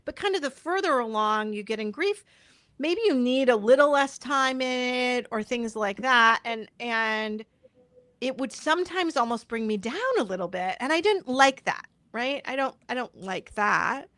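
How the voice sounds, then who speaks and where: High-voiced woman hosting a casual live stream. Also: animated, moderate pace, fairly bright tone, dry recording. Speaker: podcast host.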